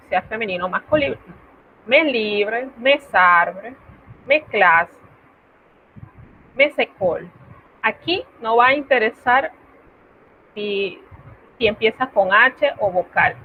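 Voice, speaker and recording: A woman teaching French to her students in an online class, explaining patiently in Spanish and checking in with her students. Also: on the high side. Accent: Latin American Spanish. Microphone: video call. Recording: tinny phone-like line, faint noise.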